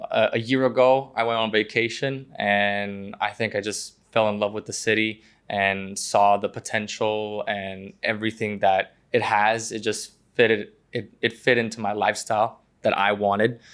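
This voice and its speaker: A man from Croatia speaks as a podcast guest in a very flat, even voice. He talks casually, pausing often and restarting his sentences. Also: on the low side, smooth. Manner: hesitant, many fillers and restarts, flat delivery. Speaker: guest, prospective investor.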